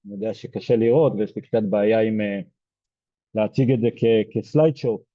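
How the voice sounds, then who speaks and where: A soft-spoken man from Israel giving a lecture, hesitant, with many fillers and restarts. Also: on the low side, no echo, muffled recording. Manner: soft-spoken, hard to hear. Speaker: genocide studies lecturer. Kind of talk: explaining lecture.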